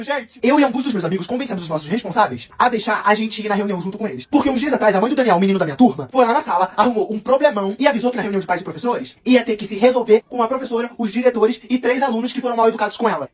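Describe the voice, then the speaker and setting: A young man telling comic gossip stories on a cooking channel, animated, playful and mock-dramatic. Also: high voice.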